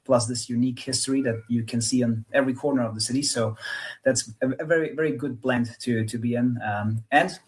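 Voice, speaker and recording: A man's voice: mid-range voice, steady tone, a little fast. A man from Austria, a guest author on a video call, answering friendly and somewhat hesitantly. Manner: friendly, hesitant with fillers and restarts. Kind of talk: interview conversation.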